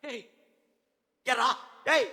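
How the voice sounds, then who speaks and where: A man's voice: drawn-out words, sharp tone, long reverb tail. A man doing a stage comedy dialogue, scolding and mock-exasperated.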